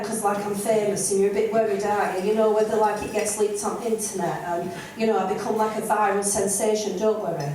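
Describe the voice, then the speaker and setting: An older woman from the North West of England with a Lancashire accent, performing a blunt, self-mocking stand-up set. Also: mid-range voice. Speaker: stand-up comedian. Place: comedy club stage. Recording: roomy and distant with audience noise.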